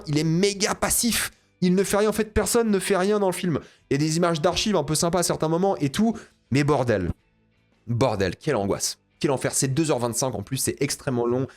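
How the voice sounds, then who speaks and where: A man's voice: a little high, darkish tone. A young man giving a casual spoken film review, exasperated and ranting, repeating himself. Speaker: film critic.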